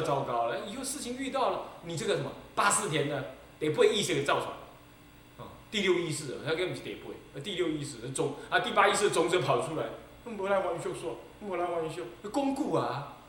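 A man's voice: fairly high pitch, sing-song, a little fast, fairly bright tone, far from the mic, a little hiss or hum. A Taiwanese-accented Buddhist abbot giving a Dharma sermon, emphatic and repetitive, often turning to his listeners with rhetorical questions. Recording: very echoey hall.

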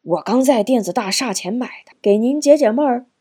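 A blunt, plain-spoken middle-aged man, as a woman reader gives him voice. The tone is husky and mellow. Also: on the high side, lively intonation, fairly quick, pitched above the performer's own voice.

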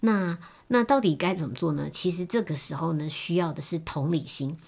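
A woman giving a gentle, explanatory self-help talk on relationships, with many fillers and soft trailing endings. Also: low voice, a little fast, vocal fry, slightly rough. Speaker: speaker on relationships.

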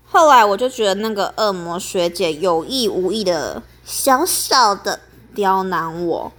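A woman's voice: mid-range voice, animated, a little slow, a bit bright. A young woman, telling a story as a podcast host in a chatty, aggrieved way.

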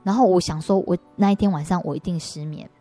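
Woman, Taiwanese Mandarin accent, lowish voice, earnest testimony, faint music underneath. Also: fast, warm tone. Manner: earnest storytelling with restarts. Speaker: interview guest. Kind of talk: personal faith testimony.

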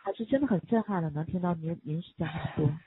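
High-voiced man apologizing over a landline phone. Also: quick pace, noisy background. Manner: sympathetic, apologetic. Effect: heard over a landline phone line. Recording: tinny phone line, husky.

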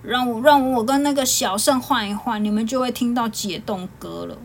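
A woman voicing a clumsy, excitable boy hero who cries easily, talking fast and pleading. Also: on the high side, creaky, slight background noise. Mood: whiny, pleading.

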